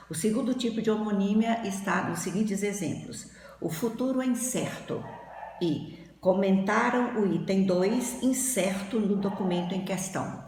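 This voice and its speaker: A woman's voice: fairly low pitch, darkish tone. Woman teaching in a very echoey hall. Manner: methodical, explains step by step with examples. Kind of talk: grammar lesson. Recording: very echoey hall with faint noise.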